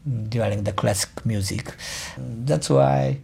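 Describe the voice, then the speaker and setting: A man with a Japanese accent, a musician and native Japanese speaker, answering interview questions in English, halting and searching for words. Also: medium pitch, creaky, darkish tone, slightly rough.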